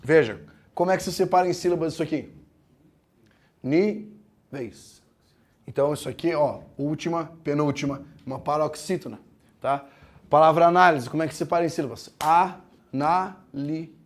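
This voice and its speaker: Man, teacher, slightly high voice, questioning the class, drawn-out syllables. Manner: explains step by step, asks the class questions, says "tá?" often; slows down to spell out words syllable by syllable. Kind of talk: classroom lecture.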